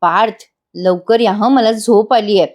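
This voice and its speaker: A woman retelling the lines of a caring young daughter-in-law who speaks softly and respectfully. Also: mid-range voice, a little slow, natural voice. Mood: sleepy playful.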